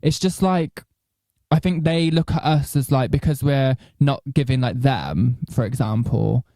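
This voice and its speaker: A man, a drag queen co-hosting a podcast in casual chat, backing up his friend and quick to chime in. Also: medium pitch, dark tone, no echo, studio quality. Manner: chatty, backs up his co-host, quick to laugh.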